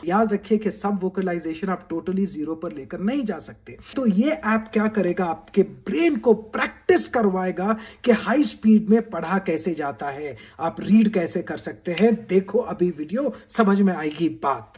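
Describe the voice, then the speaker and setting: A man's voice: high voice, animated, measured pace, few pauses, a little mellow. A man coaching students in a video lesson, talking straight to them, checking in with "right?" and slipping English phrases into his talk. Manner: mixes English phrases into Hindi. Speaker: study skills coach.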